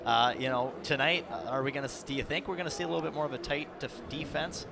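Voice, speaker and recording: A man's voice: a little high, fast talker, crowd noise. A man giving conversational baseball commentary as a broadcast host. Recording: clear outdoor ambient noise.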